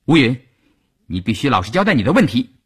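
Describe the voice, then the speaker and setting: A man voicing a strident middle-aged female cadre who hurls shrill accusations. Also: wildly swooping pitch, moderate pace, breathy edge, full character voice. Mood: stern.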